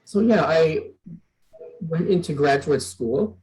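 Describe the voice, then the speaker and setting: A man from Western Canada giving an academic presentation on a video call, measured and pausing often with "uh". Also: a little high, a little mellow, low-quality recording. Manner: measured, with frequent "uh" fillers. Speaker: guest speaker, PhD researcher.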